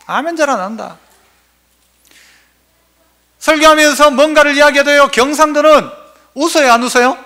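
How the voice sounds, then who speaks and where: A man's voice: very high voice, normal speed, long pauses, pushed and bright. A male pastor preaching a sermon, asking the congregation questions and answering them himself.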